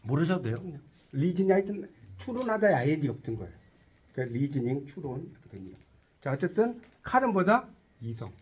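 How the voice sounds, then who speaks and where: A man with a husky, slightly higher voice lectures a classroom full of students. His pitch swings animatedly as he quizzes them, jokes and laughs his way through the lesson. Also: big pitch swings, fast talker. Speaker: tarot instructor.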